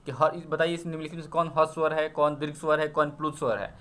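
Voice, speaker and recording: A man's voice: fairly high pitch, flat delivery, fast talker, a bit bright. A man teaching an exam-prep grammar lesson, explaining step by step and checking often that students follow. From Bihar.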